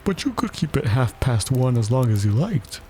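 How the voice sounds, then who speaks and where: A man's voice: mid-range voice, very animated, moderate pace, mellow, a little hiss or hum, pitched above the performer's own voice, close to an everyday voice. A man voicing an eccentric storybook hatter, contemptuous and pedantic, with a mournful streak. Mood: persuasive. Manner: haughty, pedantic, plaintive.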